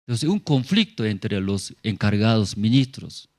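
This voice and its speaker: A man's voice: lowish voice, big pitch swings, measured pace. A male pastor giving a sermon testimony in simple, broken phrasing, often checking in with tag questions. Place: church in La Paz.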